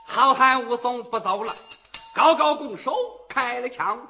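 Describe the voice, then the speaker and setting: A man's voice: very high voice, measured pace, pushed and bright, soft background music. A male traditional storyteller performing a tale in rhythmic, sing-song rhymed verse.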